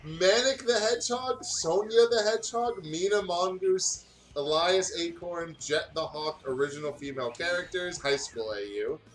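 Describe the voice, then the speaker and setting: This let's play host has a high-pitched, fairly bright voice and a moderate pace as he reads fan fiction aloud in a relaxed way, giggling, goofing around, and frequently tripping over the text. Music plays in the background, and the low-quality recording carries slight noise.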